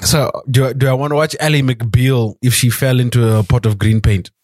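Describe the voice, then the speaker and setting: A man's voice: mid-range voice, fairly even intonation, moderate pace, a little mellow, no echo, clean studio sound. A man from Zimbabwe co-hosting a casual chat, playful and teasing with jokey asides. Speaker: podcast co-host.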